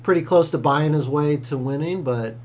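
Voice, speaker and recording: A man with a somewhat high voice talks through a match in relaxed commentary. He recaps history in an informative, matter-of-fact way and slips in dry jokes. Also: normal speed. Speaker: co-host of a wrestling watch-along.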